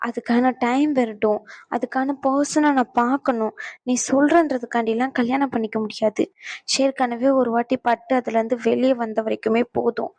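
A woman's voice: fairly high pitch, a little mellow, no room sound. A woman voicing an unwell, stubborn young granddaughter in a cartoon, exasperated and pleading. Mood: firm. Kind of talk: cartoon voice acting.

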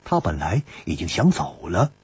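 Casting: male traditional storyteller, husky, very animated pitch, wry asides, dull lo-fi sound. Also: moderate pace, dry recording. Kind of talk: traditional Chinese storytelling narration. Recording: dull lo-fi audiobook recording.

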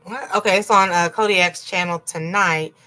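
A woman's voice: lowish voice, fairly even intonation, moderate pace, sharp tone. A woman hosting a casual livestream chat, reading viewer comments aloud and laughing often. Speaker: livestream host.

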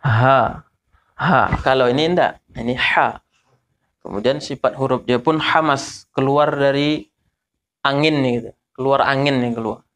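A man teaching correct pronunciation of Quran verses, slowly drawing out and repeating letter sounds as he demonstrates. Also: mid-range voice, a bit bright.

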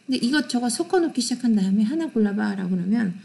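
A Korean-speaking woman teaching English pronunciation in an online lecture. She explains quickly in Korean, then reads the English example words and sentences slowly and deliberately. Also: fairly high pitch, expressive, gravelly, warm tone.

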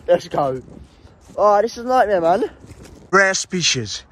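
A young man with a British English accent, vlogging outdoors in the woods on a handheld phone, loud, laddish and jokey. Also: sits high, sing-song, a little slow. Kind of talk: casual vlog chat.

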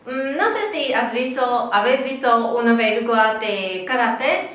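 A woman, a Mandarin speaker, giving a slow and patient beginner lesson, drawing out syllables for her students to repeat. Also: on the high side, fairly bright tone. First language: Mandarin Chinese. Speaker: Chinese teacher. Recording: roomy echo.

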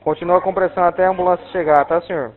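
Over a thin, narrow telephone line, a Brazilian man with a fairly high voice works as an emergency dispatcher. He gives firm, reassuring instructions and repeats them step by step. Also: fairly even intonation, rapid-fire. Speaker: emergency medical dispatcher on a call. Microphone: telephone call.

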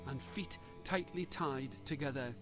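Slow, measured male storyteller. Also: mid-range voice, over music. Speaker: narrator. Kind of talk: reading a gamebook aloud.

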